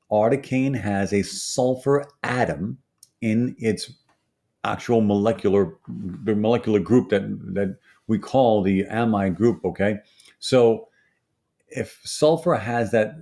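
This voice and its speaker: Low-voiced Brooklyn man explaining like an expert. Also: a little mellow. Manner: emphatic teacherly delivery with frequent tag questions like "right" and "okay". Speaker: dental pharmacology expert guest.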